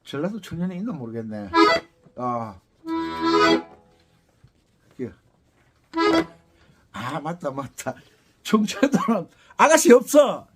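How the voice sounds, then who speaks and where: A man's voice: mid-range voice, breathy edge. A middle-aged man with a Gyeongsang Korean accent, teaching an accordion lesson in a chatty, rambling way with teasing asides. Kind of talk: casual lesson talk.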